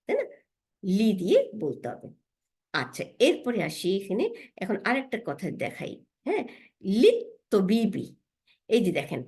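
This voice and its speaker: Lively woman teaching grammar. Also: medium pitch. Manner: asks "right?" often, slows to spell out Arabic words. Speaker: Arabic teacher. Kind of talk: grammar lesson, explaining step by step.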